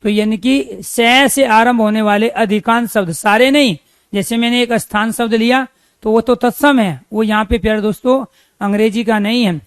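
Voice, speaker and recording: High-voiced man teaching a grammar lesson. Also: normal speed, smooth, no room sound. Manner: repeats key phrases, asks and answers own questions.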